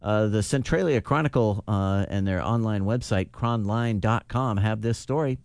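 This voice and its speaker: A man's voice: on the low side, normal speed, darkish tone, clean tone, dry recording, clean studio sound. A man co-hosting on radio, presenting a conversational news segment. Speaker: radio co-host presenting social media segment.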